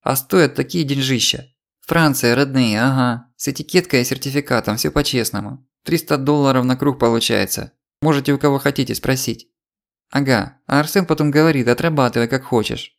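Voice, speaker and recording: A man pushes his creaky, mid-range voice up slightly while staying close to his everyday sound, playing a scheming female market trader with a Ukrainian accent. The chattering character spills out rapid, tearful, wheedling complaints.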